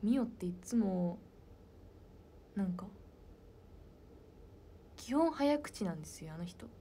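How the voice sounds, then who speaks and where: Soft-spoken young woman chatting with fans. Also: mid-range voice, expressive, slow, a little hiss or hum. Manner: soft-spoken and chatty, drops into whispered asides. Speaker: idol talking with fans. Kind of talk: casual chat answering fan questions.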